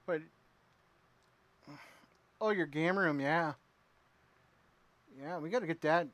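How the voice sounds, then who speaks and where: A man streaming himself playing a retro game, chatting with viewers and reacting out loud as he plays. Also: a little high, takes it slowly. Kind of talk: casual live gameplay commentary.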